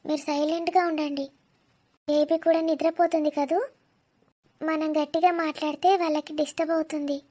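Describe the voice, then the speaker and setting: A polite, fussy young woman, played by a woman in a comedy skit, keeps giving careful instructions. Her voice is high and clear. She sounds patient but a little exasperated. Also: level tone, fairly quick, long pauses, dark tone, close to an everyday voice. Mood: instructing.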